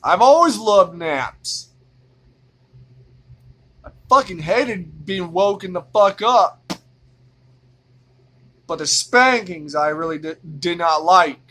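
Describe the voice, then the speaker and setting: A man's voice: sits high, lively intonation, slow, pauses often, bright, forceful tone. A man from Indiana ranting in a vlog monologue, exasperated and profane, repeating himself as he goes. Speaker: vlogger.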